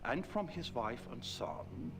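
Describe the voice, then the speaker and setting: A grave, slow-spoken teller of a werewolf legend. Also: male voice, medium pitch, wildly swooping pitch, vocal fry, exaggerated voice. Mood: solemn. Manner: measured, solemn storytelling. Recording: game audio with music behind.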